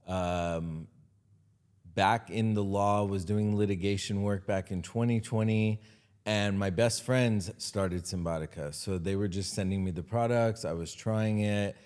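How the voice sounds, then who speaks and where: A low-pitched man in his forties, talking easily as an interview guest. He speaks in a relaxed, unhurried way, often repeating himself and filling pauses with "um" and "uh". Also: clear, resonant tone. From Los Angeles, United States. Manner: relaxed, repeats phrases, frequent fillers. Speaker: guest, company CEO. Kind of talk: conversational interview.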